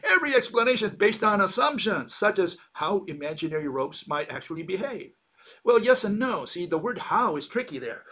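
A man's voice: sits high, sing-song, fairly quick, sharp tone. A man hosting a sardonic monologue, rambling and mocking, with many hesitations and restarts. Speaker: channel host.

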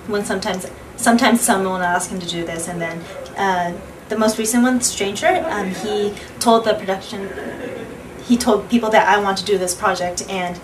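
A woman interpreting live in a small press room, talking quickly with many ums and restarts. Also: mid-range voice. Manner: quick, hesitant, many ums while translating. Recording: distant mic, clear background noise.

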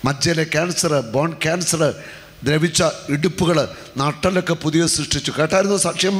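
A man's voice: a little high, fairly even intonation, brisk. Fervent male preacher in an echoing hall. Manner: fervent, call-and-response, shifts from hushed to shouting. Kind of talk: Pentecostal healing sermon. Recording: long hall reverb.

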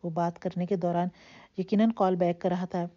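Low, dark-toned woman narrating a novel. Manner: steady, measured reading with small slips. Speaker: audiobook narrator. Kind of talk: scripted audiobook narration. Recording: dull lo-fi audio.

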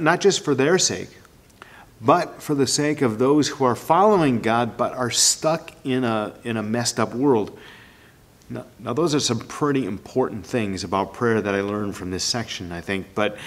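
A man's voice: medium pitch, lively intonation, moderate pace. Earnest male pastor who stumbles and repeats. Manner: earnest, repeats words and restarts often. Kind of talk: sermon.

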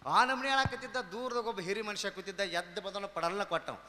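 High, bright-voiced North Karnataka comedian. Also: male voice, quick pace, long reverb tail. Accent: North Karnataka Kannada. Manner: lively folksy storytelling, slipping into character voices. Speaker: stand-up comedian. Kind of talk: stand-up comedy storytelling. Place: comedy stage before an audience.

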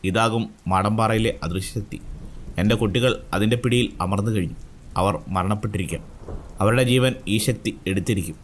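A man's voice: on the low side, a little fast, slight background noise, close to an everyday voice. A man voicing a desperate, grieving adult man who pleads in anguish, read within a thriller story. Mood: dread.

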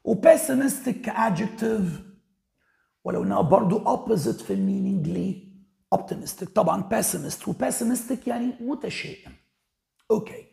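A man with an Egyptian Arabic accent teaching English vocabulary, explaining in Arabic and reading English example sentences slowly. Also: sits high, animated, vocal fry, mellow. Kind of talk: recorded vocabulary lesson. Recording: echoey room.

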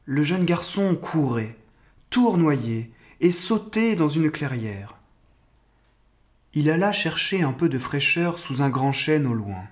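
A man reads a children's tale aloud in a gentle, poetic manner. His voice sits a little high and he takes his time over every phrase. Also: lively intonation, slow. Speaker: narrator. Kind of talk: storybook reading.

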